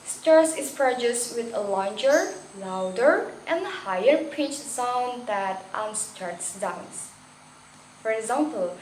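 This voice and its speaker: Young woman, student presenter, slightly high voice, hesitant restarts, echoey room with a faint background hiss. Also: a little mellow. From Indonesia. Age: young adult. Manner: slow, careful reading with hesitant restarts. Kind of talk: reading a class presentation.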